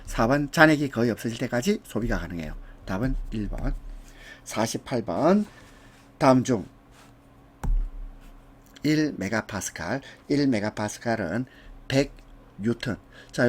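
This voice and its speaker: A man's voice: medium pitch, husky. A man teaching an exam prep lecture, going through answers step by step with casual asides.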